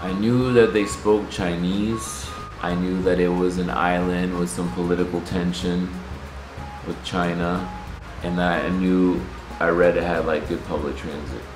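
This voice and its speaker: A man in his thirties, from Puerto Rico, speaks in a very low, deep register. He talks as a guest in a loose, easygoing ramble and swears freely. The voice sits in a roomy space with music playing clearly behind it. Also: level tone, unhurried. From Puerto Rico, raised in the US Gulf South. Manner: laid-back, profane, loose and rambling. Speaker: guest, entrepreneur. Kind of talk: casual interview chat. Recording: roomy sound with background music.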